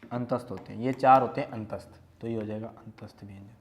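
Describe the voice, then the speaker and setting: A man's voice: on the low side, fairly even intonation, brisk, slight background noise. A young man teaching a grammar lesson, going through quiz questions and repeating each question before answering it himself. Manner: asks questions and answers them himself, repeating key terms.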